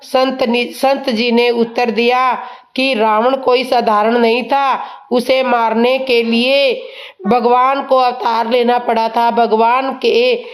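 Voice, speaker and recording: A woman who tells religious tales shares a devotional story slowly, with a humble, earnest manner. A sore throat leaves her voice hoarse. Her pitch is slightly high yet nearly flat, so the telling stays even and steady.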